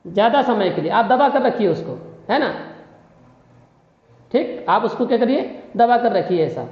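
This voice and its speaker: A man's voice: sits high, expressive, normal speed. Man quizzing listeners in an echoey room. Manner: questioning, quizzes listeners constantly; repeats key phrases. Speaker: physics teacher. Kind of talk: classroom lecture. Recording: dull, echoey room with long reverb.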